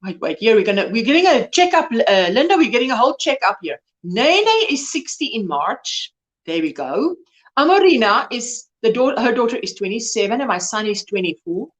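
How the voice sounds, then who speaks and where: A woman's voice: a little high, big pitch swings, normal speed. A woman in her early fifties hosting a live crochet chat. She talks casually, reads and answers viewers' comments, and laughs often. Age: 50s.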